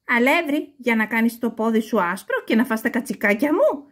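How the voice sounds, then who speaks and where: A woman's voice: a little high, animated, a bit bright, pitched above the performer's own voice. A woman doing a stern, scolding mother goat. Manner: scolding and challenging.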